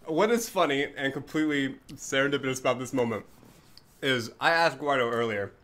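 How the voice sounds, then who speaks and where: A man's voice: medium pitch, expressive, fairly quick, a bit bright. Teasing male gaming show co-host. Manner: joking, teasing, laughs often. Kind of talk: casual live-stream chat.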